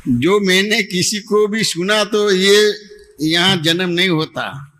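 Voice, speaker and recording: A man with a high, fairly bright voice speaks slowly as a spiritual teacher leading a satsang question-and-answer session. He is patient and repetitive, often checking that he is understood, in a devotional gathering hall in Ahmedabad.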